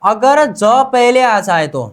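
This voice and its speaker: A woman's voice: fairly high pitch, animated, slow. A woman teaching a language lesson, patiently repeating words and asking questions she then answers herself. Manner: asks the class questions and answers them.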